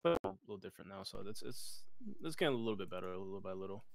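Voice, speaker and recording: A man's voice: deep voice, expressive, very fast, no room sound. Man, gaming podcast co-host, easygoing, casual, dry recording. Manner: easygoing, reads out topic list with fillers.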